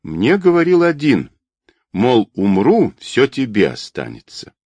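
A headstrong young woman , as a male reader voices her, who is cheerful but won't back down. Her lines rise in bright, lively steps in a dry recording. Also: medium pitch, a little slow, no echo, pitched above the performer's own voice. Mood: insistent. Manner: cheerful, insistent.

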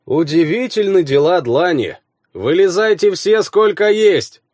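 A man's voice: sits high, animated, a little slow, darkish tone, no room sound, studio quality, pitched above the performer's own voice. Man doing a brusque commanding baron. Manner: curt orders, gruff. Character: commanding middle-aged male baron, brusque.

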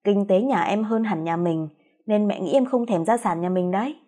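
Lady doing a sarcastic young wife in a story, husky, calm and cutting. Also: medium pitch, moderate pace, close to an everyday voice. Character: cool sharp-tongued young wife.

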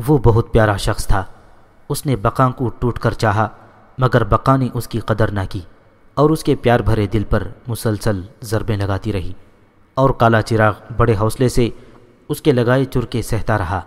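A man narrating a novel in a steady, even storytelling manner. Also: medium pitch, in a large hall.

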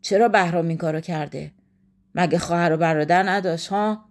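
A woman's voice: fairly low pitch, a little mellow, pitched below the performer's own voice, natural voice. A woman doing a bitter, jealous husband. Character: angry jealous middle-aged husband.

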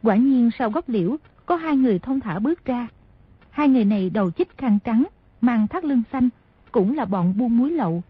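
Breathy, raspy woman narrating a story. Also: on the high side, normal speed, dry recording. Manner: steady storytelling. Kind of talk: audiobook narration of a martial-arts novel. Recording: dry, dull lo-fi audio.

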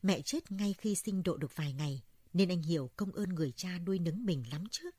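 Female folk-story narrator, husky and low, measured delivery. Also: lively intonation, mellow, dry recording, studio quality.

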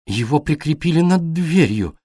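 A man's voice: mid-range voice, animated, a little fast, a little mellow, no room sound, clean studio sound, lightly acted. A man reading and voicing a frightened, emotional young foreign woman in an audiobook, speaking in a pleading, breathless way. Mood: shaken.

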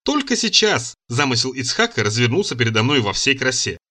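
A man narrating a satirical story aloud in an expressive audiobook reading. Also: medium pitch, fairly quick.

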